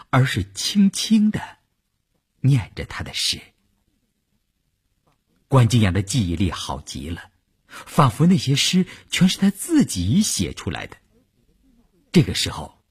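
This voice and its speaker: Husky guy reading a story for radio, voice swings way up and down. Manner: expressive, pitch swinging widely.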